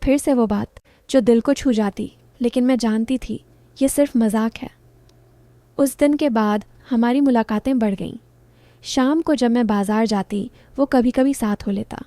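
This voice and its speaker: A woman's voice: fairly high pitch, warm tone, no room sound. A woman narrating a romantic story in the first person, in an intimate, confiding way.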